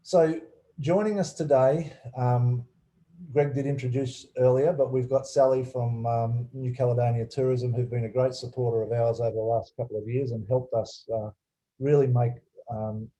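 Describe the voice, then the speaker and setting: A man hosting a webinar, introducing guests in a halting way with many fillers and restarts. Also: mid-range voice, fairly even intonation, mellow. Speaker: webinar host. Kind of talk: webinar presentation. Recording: slightly dull video call audio.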